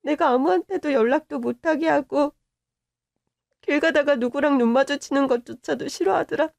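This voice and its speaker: A woman tells a first-person story in a subdued, confiding tone. Her voice is high. The sound is dry and close, with no room. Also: moderate pace, creaky, darkish tone, no room sound. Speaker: story narrator.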